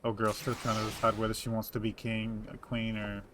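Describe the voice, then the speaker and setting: A man with a fairly low, monotone voice chats briskly and casually while playing a game, using loose colloquial phrasing. He's a co-player on a gaming channel, and his slightly noisy mic picks up faint background noise.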